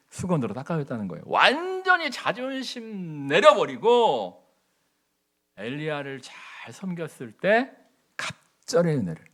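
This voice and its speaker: A middle-aged man preaching as a pastor, telling stories with folksy humor and acting out the quotes in his sermon. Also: medium pitch.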